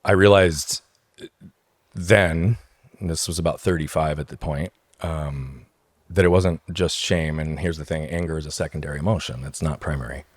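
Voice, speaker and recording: A man with a very low, deep voice talks as a podcast guest. He tells his story with emphasis and keeps checking in with his listeners. The recording is dry and close, with no room sound. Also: normal speed, dry recording. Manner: emphatic, tags points with "right?". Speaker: guest speaker. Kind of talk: podcast interview, personal storytelling.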